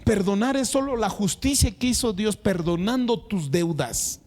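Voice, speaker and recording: Male pastor, high voice, emphatic preacher who talks straight to his congregation. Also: normal speed, darkish tone. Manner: emphatic, repeats words for stress; addresses the congregation directly. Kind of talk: sermon.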